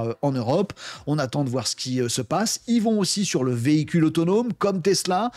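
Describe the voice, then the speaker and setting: A man with a fairly high voice hosts a tech news roundup in a chatty, joking way. He fills his speech with fillers and restarts, and his voice jumps up on playful asides. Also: a little mellow. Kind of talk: casual tech news commentary.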